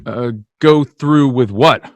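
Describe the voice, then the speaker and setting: A man playing George, a bitter, desperate family man at his wits' end, agitated and halting in an old-time radio play. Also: medium pitch, dry recording, natural voice. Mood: dejected, bewildered.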